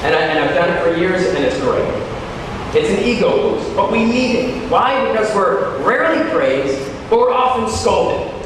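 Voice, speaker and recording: At a teachers' conference, a high-voiced teacher delivers an animated motivational keynote at a moderate pace, mixing a conversational tone with drama and stretching out key words. He's far from the mic in a large, strongly echoing hall with clear background noise.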